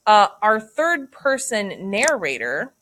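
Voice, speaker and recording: A woman's voice: medium pitch, very animated, takes it slowly, a bit bright. A woman teacher thinking aloud through a literary analysis lesson, casual, with many fillers and "right?" checks.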